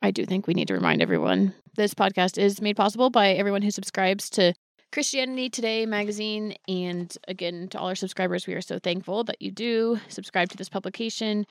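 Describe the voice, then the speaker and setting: A woman's voice: medium pitch, lively intonation, a little fast, dry recording, clean studio sound. A woman hosting a podcast, opening the episode and steering the conversation in an upbeat, conversational way. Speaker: podcast host and producer.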